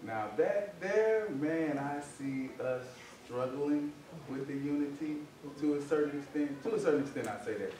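In a church meeting room, a man offers a reflective comment during a Bible class discussion, often adding small tag phrases to check that listeners follow. His fairly high, mellow voice has lively intonation at normal speed with hardly any pauses. It was caught by a far camera with a distant mic, so the sound is very echoey and the room noisy.

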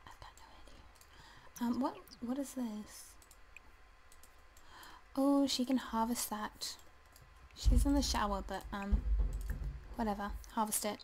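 Woman gamer, slow easy delivery, lots of ums, chats to her sims, faint hum and mouse clicks behind. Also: fairly high pitch, fairly even intonation, darkish tone, low-quality recording. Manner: chatty, hesitant with many ums, talks to the game figures. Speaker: let's play gamer. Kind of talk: casual gameplay commentary.

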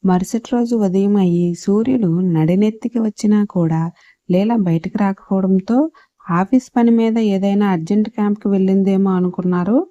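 A woman storyteller reading a serial audio story in a steady, even way, on a dull lo-fi recording. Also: mid-range voice, no room sound. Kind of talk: scripted narration.

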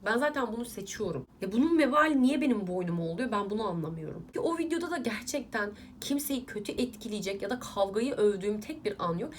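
A woman's voice: mid-range voice, lively intonation, quick pace, hardly any pauses, a little hiss or hum. A young woman vlogger, casually ranting at viewers while doing her makeup, irritated and emphatic. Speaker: beauty vlogger.

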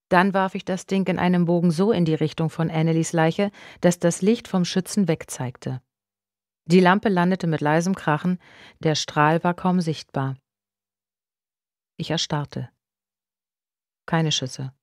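A woman with a lowish voice narrates a thriller audiobook in a hushed, tense first-person telling. The recording is close and dry, with no room sound around her. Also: no echo.

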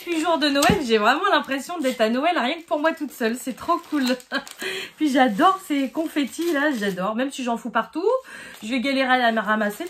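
Lady in her 30s, chatty vlog, gushy, keeps saying thanks, kinda high voice. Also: slight background noise. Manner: gushing, excited, thanks people again and again. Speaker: vlogger unboxing gifts from subscribers. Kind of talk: casual chat.

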